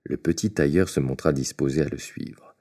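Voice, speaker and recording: A man reading a fairy tale aloud in a measured, expressive storytelling manner. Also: very deep voice.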